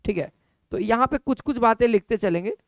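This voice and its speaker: A man's voice: very high-pitched, fairly quick, no room sound, clean studio sound. A man teaching an exam-prep lesson, repeating key points and putting questions to his students.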